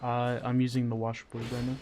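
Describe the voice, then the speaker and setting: A man's voice: medium pitch, monotone, brisk, over music. Young man giving orders, swearing. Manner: bossy, profane, laughs often. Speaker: gamer on voice chat. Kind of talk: casual gaming banter.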